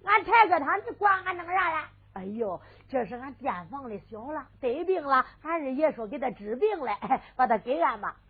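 A scrappy beggar man who talks in a chatty, cheeky way, as a woman storyteller puts him on. The high voice has a Henan accent, and the sound is thin and phone-like with faint music underneath. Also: animated, normal speed, hardly any pauses.

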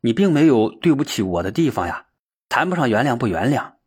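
A humble young temple worker, gentle yet unshakably earnest, as a male storyteller plays him. He speaks plainly and warmly in a husky voice, a storybook character set on his path. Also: mid-range voice, big pitch swings, a little fast.

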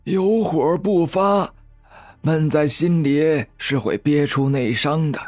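A calm old man with hidden strength, put on by a male narrator, speaking in a slightly raised, unhurried voice. His words come slowly and with quiet, kindly authority. Soft music plays faintly behind him. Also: on the high side. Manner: slow, measured, kindly authority.

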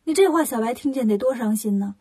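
A woman voicing a clever, cocky monkey king in a storybook reading, speaking briskly and teasingly. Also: on the high side, lively intonation, mellow, breathy edge.

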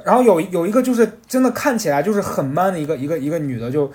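A man telling a rambling, animated story in casual podcast chat. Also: on the high side, quick pace.

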